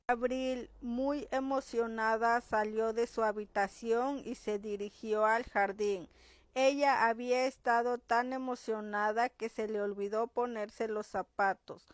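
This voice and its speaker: A woman narrating a romance audiobook in a calm, measured storytelling manner. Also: a little high, no room sound, studio quality.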